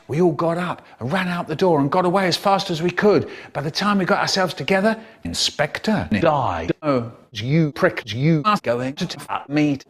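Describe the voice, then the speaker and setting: A man's voice: expressive, normal speed, few pauses, slightly rough, faint music behind. A man telling a story, his speech spliced together from separate clips with jarring jumps between words. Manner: jumpy, jarring shifts in pitch and loudness between words. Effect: spliced together word by word from clips.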